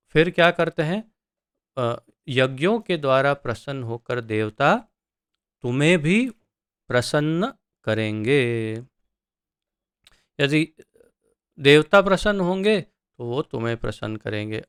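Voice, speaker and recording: A man teaching scripture verse by verse, chanting each line slowly and then explaining it word by word with thinking pauses. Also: mid-range voice, vocal fry, smooth, dry recording, studio quality.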